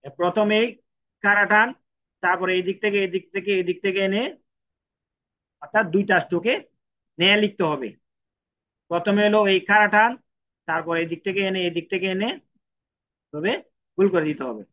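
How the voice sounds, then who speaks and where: Male language tutor, high bright voice, lo-fi sound, patient stroke-by-stroke delivery. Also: a little fast, pauses often. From Bangladesh. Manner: repetitive, counts out each stroke. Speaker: Japanese language teacher. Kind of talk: step-by-step writing lesson. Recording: dull lo-fi recording.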